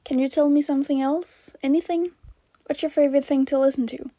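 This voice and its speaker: A woman voicing a gentle man who is a radio host, talking softly and reassuringly to a frightened child. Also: on the high side, fairly even intonation, moderate pace, no echo. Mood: coaxing. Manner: soft, coaxing, reassuring.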